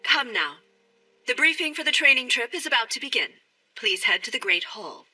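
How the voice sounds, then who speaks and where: An actress playing a polite, composed academy official in an anime English dub. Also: female voice, on the high side, very animated, moderate pace, bright, forceful tone, soft background music, exaggerated voice.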